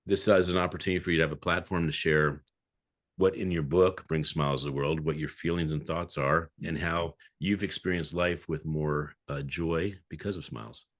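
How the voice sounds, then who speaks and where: A man's voice: a bass voice, fairly even intonation, normal speed. A man hosting an online interview show, joking and jovial as he hands over to his guest. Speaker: show host.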